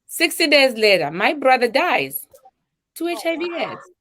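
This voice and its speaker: A middle-aged woman from Zambia with a Zambian accent, a charity founder telling her personal story in an emotional, animated way, acting out what people said. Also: high-pitched, unhurried.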